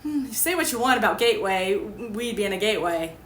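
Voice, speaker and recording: A woman's voice: medium pitch, a little fast, fairly bright tone, a little hiss or hum. A young woman, a ministry host, telling her personal testimony in a chatty, candid way, laughing at her past. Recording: echoey room with faint ambience.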